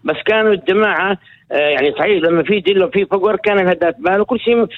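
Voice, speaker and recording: Fast-talking man in his fifties on a tinny phone line. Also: high-pitched. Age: 50s. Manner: rambling, many restarts and repeated words. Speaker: phone-in guest, retired colonel. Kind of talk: phone-in radio interview. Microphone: telephone.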